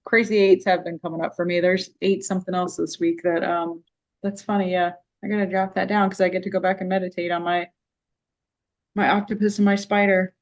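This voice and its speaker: A woman's voice: on the low side, little pitch movement, a little fast. A woman in casual spiritual conversation, chatty and full of "like" as she tells a personal story.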